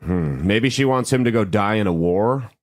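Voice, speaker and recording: A man's voice: on the low side, expressive, normal speed. A man hosting a podcast, reading advice letters aloud and joking sarcastically about them in casual commentary.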